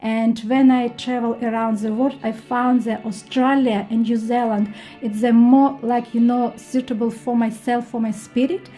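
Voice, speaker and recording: A woman from Ukraine with a Ukrainian accent, a guest healer answering radio interview questions in halting non-native English with many pauses and ums. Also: fairly high pitch, level tone, dark tone, soft background music. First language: not English.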